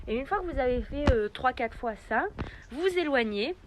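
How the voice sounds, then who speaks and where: A woman's voice: high voice, animated, moderate pace, noisy background. A young woman making a casual vlog tutorial, chatting with lots of hesitant fillers. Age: young adult. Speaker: pet vlogger.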